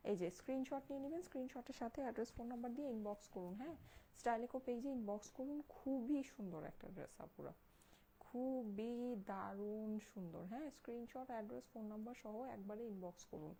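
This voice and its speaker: A young Bangladeshi woman talking quietly through a live online clothing sale, showing each dress and repeating her praise while her baby sleeps nearby. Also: on the high side, animated, rapid-fire, slight background noise, poor audio. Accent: Bangladeshi Bengali. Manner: hushed so as not to wake a sleeping child. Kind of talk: Facebook live sales pitch.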